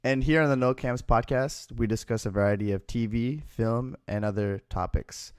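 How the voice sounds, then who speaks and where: A man's voice: mid-range voice, normal speed, darkish tone, smooth, no room sound, clean studio sound. A man hosting a podcast, asking questions in a casual, hesitant way with fillers. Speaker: podcast host. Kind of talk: casual chat.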